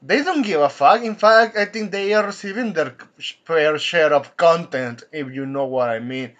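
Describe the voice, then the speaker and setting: A man hosting an angry commentary rant, indignant and swearing, with frequent halting restarts. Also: fairly high pitch, a bit bright, lo-fi sound. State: coughing from anger at times. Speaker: commentary channel host.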